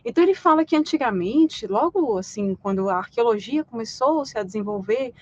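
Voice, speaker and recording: A Brazilian woman hosts a live stream and explains her points, often hesitating and restarting. Her voice sits a little high. The audio is dull and lo-fi. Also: animated, a little fast, slight background noise. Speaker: host.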